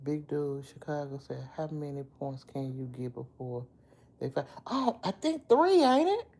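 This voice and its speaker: Chatting unhurriedly on her livestream, this middle-aged host replies to commenters by name. Her deep, dark, slightly hoarse voice swings widely in pitch.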